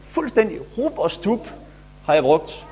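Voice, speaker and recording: A man's voice: high voice, big pitch swings, darkish tone, pitched above the performer's own voice. A man voicing a grown woman who has been ill for years, telling her story earnestly and insistently.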